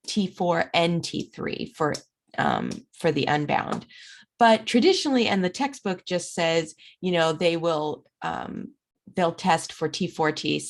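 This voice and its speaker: A middle-aged woman instructor gives a recorded lecture over her slides, easy and conversational, pausing on plenty of fillers. Still recovering from an illness, her low voice is raspy, gravelly, and dry. It sounds like a home webcam recording.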